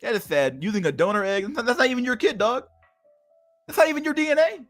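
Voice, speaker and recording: A man's voice: extremely high pitch, lively intonation, quick pace, a bit bright, faint music behind. A man in his thirties reading an article aloud on a stream, then breaking off into crude, mocking rants with frequent laughter. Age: 30s. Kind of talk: casual livestream commentary.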